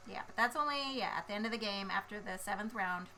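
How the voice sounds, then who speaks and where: A woman with a bright voice chats casually as she co-hosts a board game stream. She thinks out loud, muttering playfully and making small sound effects with her mouth. There is faint noise behind her. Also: medium pitch, quick pace. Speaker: co-host of a board game play-along stream. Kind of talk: casual chat while playing a board game.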